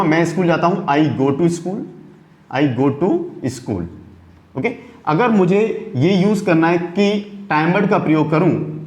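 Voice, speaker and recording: Male tutor, mid-pitched, explains grammar in Hindi, answers his own questions, echoey room. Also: a little mellow. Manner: asks questions and answers them himself, repeats points slowly. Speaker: English grammar teacher. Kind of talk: Hindi classroom-style grammar lesson.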